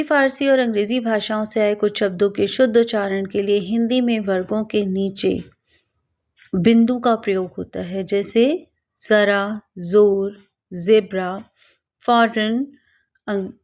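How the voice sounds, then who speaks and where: Woman, grammar lesson, slow careful reading, dull lo-fi sound. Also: medium pitch, fairly even intonation, darkish tone. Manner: slow, careful, spells out each example word. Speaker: teacher. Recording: dull lo-fi recording.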